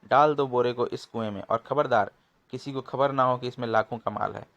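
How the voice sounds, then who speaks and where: A man voicing a cunning, scheming village woman who wails and exclaims loudly in a comic storybook. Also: medium pitch, a little fast, gravelly, lo-fi sound, close to an everyday voice. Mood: commanding. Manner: wailing, exclaiming.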